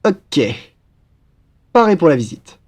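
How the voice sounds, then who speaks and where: In a casual French roleplay, a young man acts as an upbeat, cheeky student roommate, playful, slangy, and enthusiastic in a friendly mood. His exaggerated voice sits on the high side, above his own natural pitch, very animated yet slow, and a little mellow.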